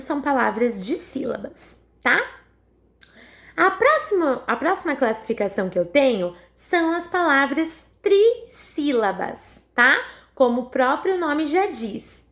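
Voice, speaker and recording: A woman's voice: high-pitched, very animated, slow, a bit bright. A woman with a Brazilian Portuguese accent teaching a recorded lesson to young children, patiently sounding out words syllable by syllable and often checking in with the class. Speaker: primary school teacher.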